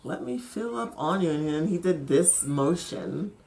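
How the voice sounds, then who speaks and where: A woman's voice: on the low side, animated, unhurried, creaky, mellow. A woman giving spontaneous, casual reaction commentary as she watches, with a slight lisp from a retainer. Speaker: host of an anime reaction channel.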